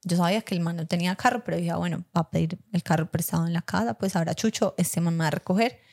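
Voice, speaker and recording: A woman's voice: lowish voice, racing, creaky. A young Colombian woman co-hosting a podcast, telling a story with lots of laughter and acted-out lines. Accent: Colombian Spanish. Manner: animated, laughs often, acts out her own past lines. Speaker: podcast co-host. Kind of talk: casual storytelling chat.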